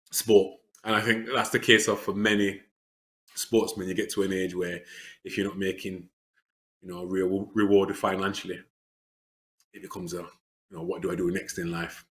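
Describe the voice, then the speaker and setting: This Englishman has a low, slightly bright voice and speaks earnestly as a guest in a reflective, conversational interview. His speech is full of fillers and restarts.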